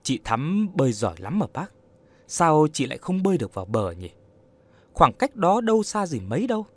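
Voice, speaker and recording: Guy doing polite young woman, curious, soft and lively. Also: fairly high pitch, normal speed, no room sound. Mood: probing. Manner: polite, gently probing.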